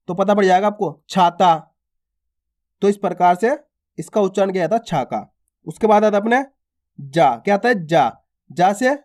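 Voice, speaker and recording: Man slowly sounding out letters. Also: high-pitched, darkish tone. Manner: slow, drawn-out pronunciation of each letter, then example words; addresses listeners as friends and asks if they follow. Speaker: Hindi reading teacher. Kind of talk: alphabet lesson.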